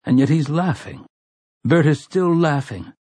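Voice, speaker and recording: Husky man narrating an audiobook. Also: a little high, darkish tone, no echo. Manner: measured, intense storytelling. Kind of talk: scripted dramatic narration.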